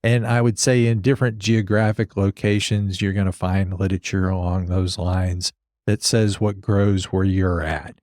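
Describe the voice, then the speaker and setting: A man's voice: low voice, flat delivery, moderate pace, darkish tone, dry recording, studio quality. A man hosting a podcast, explaining things in a casual, conversational way. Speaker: podcast host, landscape architect.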